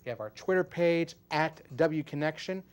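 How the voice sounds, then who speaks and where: A man with a fairly high, clean-toned voice talks at normal speed while co-hosting a casual wrestling podcast. He rambles as he explains, often beginning phrases again.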